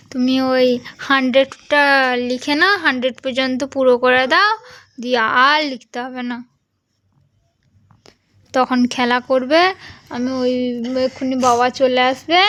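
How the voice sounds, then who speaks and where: A woman's voice: high voice, a bit bright, no room sound. A young mother at home with a West Bengal Bengali accent, coaxing and cajoling her child in casual vlog talk, slipping into baby talk.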